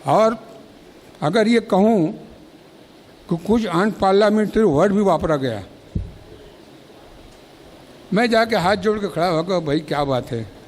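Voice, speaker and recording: High-voiced man speaking in an echoing auditorium. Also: normal speed, pauses often. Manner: storytelling, acting out quoted exchanges. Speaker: speaker at a felicitation ceremony. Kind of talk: public speech telling anecdotes. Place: college auditorium. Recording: long reverb of an auditorium.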